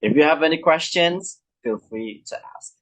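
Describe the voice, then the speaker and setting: A young man presenting a scripted English lesson, explaining points clearly and speaking directly to his viewers. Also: fairly high pitch, normal speed, low-quality recording. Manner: lively, instructive, addresses viewers directly. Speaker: student presenter teaching English.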